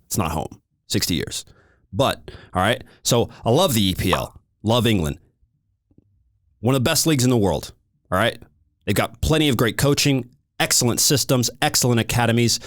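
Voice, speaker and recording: Animated American man ranting. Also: mid-range voice, no echo, studio quality. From United States. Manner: heated, animated, emphatic. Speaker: podcast host. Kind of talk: ranting podcast monologue.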